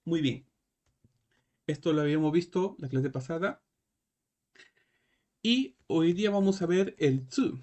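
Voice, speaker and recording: Guy teaching japanese to beginners, talks slow, keeps asking ¿no? ¿sí?. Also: on the high side, lively intonation, darkish tone. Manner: slow, repetitive, checking in with "¿no?" and "¿sí?". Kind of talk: classroom lesson.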